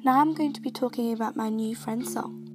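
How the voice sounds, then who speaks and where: Over loud music, a young Kenyan woman with a British accent briskly reads her scripted reviews of movies and music, her voice a little high. She's a vlogger delivering them earnestly.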